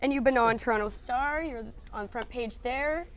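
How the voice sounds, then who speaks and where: A woman's voice: a little high, moderate pace, a little hiss or hum. A woman interviewing a comedian in a casual, teasing, giggly way.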